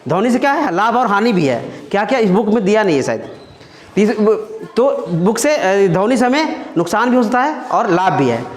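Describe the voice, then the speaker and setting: The recording picks up an echoey classroom where a man with a high-pitched voice teaches science at a moderate pace. He's very animated, conversational, repeats himself, and often asks students "है ना?".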